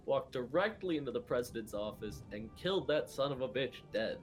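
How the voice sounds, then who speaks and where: A young man voicing a loud, cheerful male bard who speaks in an excited, boisterous way. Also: medium pitch, brisk, faint music behind, pitched above the performer's own voice, lightly acted. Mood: proclaiming.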